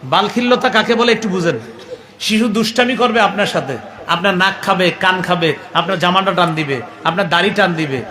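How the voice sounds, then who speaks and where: A man's voice: sits high, a little fast. A man preaching a sermon on parenting. He recites Arabic passages, explains them, lectures in numbered points and acts out the voices he quotes. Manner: animated storytelling, acting out quoted voices. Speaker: Islamic preacher.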